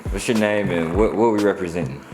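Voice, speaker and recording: A man's voice: deep voice, fairly quick, noisy background. A man interviewing a guest in a casual, laid-back way, asking questions and giving short affirmations. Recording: echoey room with long reverb and music behind.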